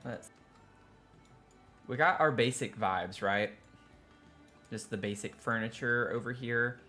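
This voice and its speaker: A man's voice: medium pitch, slow, sharp tone, faint music behind. A man from Tennessee with a Southern accent, chatting casually on a live stream in a rambling, self-interrupting way. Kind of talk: casual live-stream chat while building in a game.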